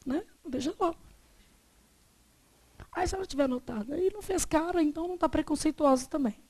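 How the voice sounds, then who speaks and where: A Brazilian woman teaching a Portuguese class, chatty and joking, slowly drawing out the example words. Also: high voice, a little mellow. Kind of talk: classroom lesson.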